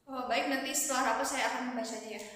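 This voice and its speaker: Woman acting, calm female company boss, informal, slightly hesitant, consultative, highish pitch, very reverberant room, workplace role-play. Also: fast talker, a little hiss or hum. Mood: calm, instructing.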